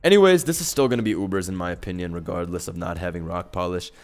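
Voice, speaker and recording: A young man streaming live gameplay commentary, excitable and profane, full of slang, swinging from low mumbles to loud yelling. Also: quick pace, faint music behind. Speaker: gaming streamer.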